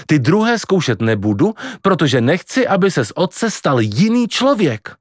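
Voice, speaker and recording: A man reading an audiobook and voicing a middle-aged mother who speaks calmly and seriously. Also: fairly high pitch, no echo, clean studio sound, pitched above the performer's own voice. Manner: calm, measured, serious.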